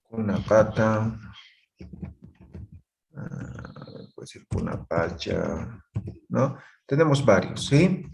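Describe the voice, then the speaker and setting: A man's voice: mid-range voice, sing-song, takes it slowly, creaky, noisy background. A man teaching a language class, explaining patiently and often checking that students follow. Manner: patient, checks understanding with frequent tag questions.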